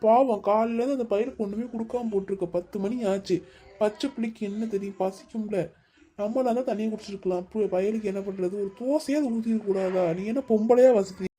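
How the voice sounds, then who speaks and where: A woman's voice: medium pitch, fast, warm tone, natural voice. A woman voicing a stern, bossy middle-aged husband in a cartoon, scolding his wife. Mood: berating. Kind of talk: cartoon voice acting.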